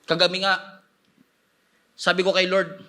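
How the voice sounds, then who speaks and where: A man preaches a sermon. He is animated and playful, and mixes English phrases into his preaching. His voice is bright and forceful and sits a little high. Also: a little slow. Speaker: pastor.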